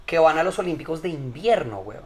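A man's voice: on the high side, expressive, brisk, crowd noise. A man, a comedian guest making emphatic points in a casual podcast chat. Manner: emphatic, lecturing, tells jokes.

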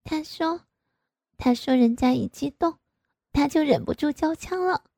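A high, coy voice of a pouty young woman, wheedling slowly, put on by a woman reading the story. The tone stays soft and mellow. The recording is dry, with no room sound. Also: creaky, no echo.

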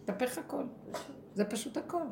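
A woman leads a spiritual lesson in an animated way, playing out the voices she quotes. Her voice sits a touch high with a gravelly fry. The room is echoey, with faint ambient noise behind. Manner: animated, acts out quoted speech. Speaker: women's group teacher.

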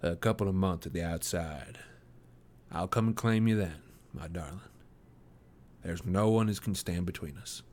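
An earnest young frontiersman, read by a man in a storybook reading. He speaks low and hushed, tender and steady. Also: normal speed, pauses often, lightly acted.

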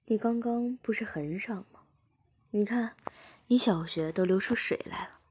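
Brief: assured teasing master, hushed and husky, whispered role-play, read by a woman. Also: medium pitch, unhurried, pitched above the performer's own voice. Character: calm commanding man, the master.

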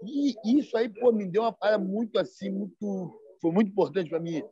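A man's voice: sits high, brisk, warm tone, husky, dry recording. A man telling stories in casual slang, acting out the quoted dialogue in livelier voices. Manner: slangy, peppered with "sacou" and "né, cara". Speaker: guest. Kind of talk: casual storytelling. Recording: dry, slightly dull sound.

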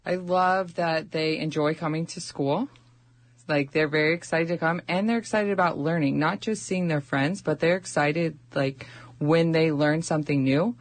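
Low-voiced young woman, chatty teacher. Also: moderate pace. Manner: chatty, uses many fillers. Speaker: first grade teacher. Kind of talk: casual radio interview.

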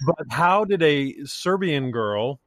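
A man hosting an interview, relaxed and joking as he asks his guest questions. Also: fairly high pitch, slow pace. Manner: relaxed, joking, with many fillers. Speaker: host. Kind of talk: casual interview chat.

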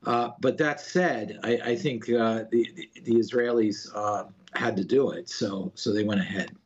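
A man giving political commentary as an interviewed guest, in a halting way, often repeating words as he explains. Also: fairly low pitch, breathy edge, muffled recording.

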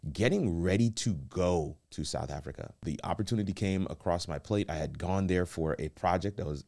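A middle-aged man from the United States giving a casual motivational talk, telling a personal story with lively quoted dialogue. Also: very deep voice. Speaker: motivational speaker.

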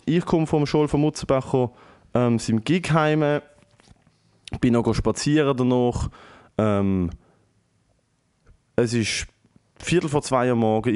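A young man with a Swiss German accent, talking at a middle pitch. He tells an anecdote in a loose, animated way. He swears freely and drops English slang into his sentences. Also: clear, resonant tone. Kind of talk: casual storytelling chat.

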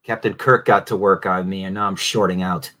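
A man's voice: low voice, fairly even intonation, a little fast, pushed and bright, voice pushed down. A man in a podcast aside playing a malfunctioning male robot, stuttering out clipped repeated error calls as it glitches. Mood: glitching.

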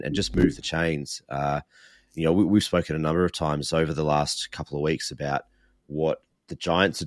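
A man's voice: very deep voice, no echo, clean studio sound. A man giving casual sports analysis as a podcast co-host, repeating words as he builds each point.

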